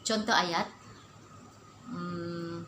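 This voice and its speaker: Slow, echoey woman teacher. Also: fairly low pitch, fairly even intonation, a bit bright, slight background noise. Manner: repeats each word slowly, with a rising stress on the local terms. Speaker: language teacher. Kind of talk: slow spoken lesson. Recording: echoey room.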